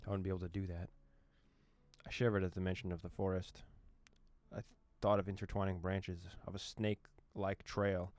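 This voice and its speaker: His voice sits low with little pitch movement and a darkish tone, and he talks a bit quickly in a clean, echo-free recording. A young gaming YouTuber, he reads and translates a visual novel out loud, playful and quick to laugh and joke.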